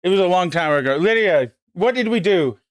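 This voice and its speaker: A man with a notably high-pitched voice hosting a live stream, ranting emphatically and swearing freely as he chats. The sound is close and dry, with almost no room around it. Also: lively intonation, brisk, no room sound. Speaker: livestream host. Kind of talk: casual chat.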